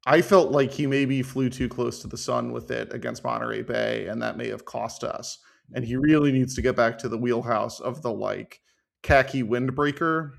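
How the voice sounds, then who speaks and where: A man's voice: medium pitch, normal speed, vocal fry. A man co-hosting a casual podcast, chiming in with wry, joking asides. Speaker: podcast co-host.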